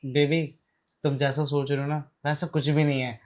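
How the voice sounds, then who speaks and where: A woman's voice: low voice, flat delivery, normal speed, darkish tone, close to an everyday voice. Woman playing a pleading cheating husband. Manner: defensive, wheedling, pleading. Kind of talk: comic family skit acting.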